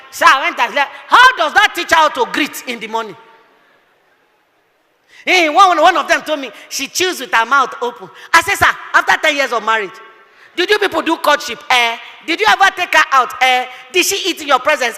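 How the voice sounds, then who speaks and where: A middle-aged woman pastor, preaching fervently with rhetorical questions and shouted bursts. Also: sits high, animated, fairly quick. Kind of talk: sermon. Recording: echoey hall.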